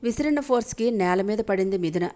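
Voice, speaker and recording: A woman's voice: mid-range voice, animated, brisk, dark tone. Woman narrating a dramatic audio story. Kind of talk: scripted narration of a family drama.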